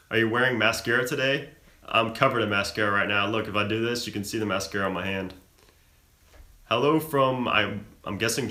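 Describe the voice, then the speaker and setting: A young Southern man runs a live stream, reading viewers' questions aloud and answering them in an offhand, casual way. His voice sits lowish, with a bright, forceful tone and a roomy sound.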